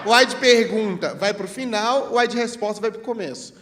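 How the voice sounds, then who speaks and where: Comic man, very high and forceful voice, playful act-outs, hall reverb with a faint crowd. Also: a little fast. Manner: jokey, playful, acts out quoted lines. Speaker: comedian explaining regional slang. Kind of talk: comic stand-up explainer. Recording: live hall with audience and background noise.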